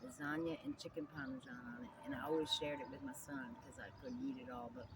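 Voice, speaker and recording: Extremely low in pitch and talking fast, a middle-aged woman with a New Jersey accent gives a candid, animated interview. Chatty throughout, she addresses the listener as "girl." Loud outdoor noise fills the distant-mic recording.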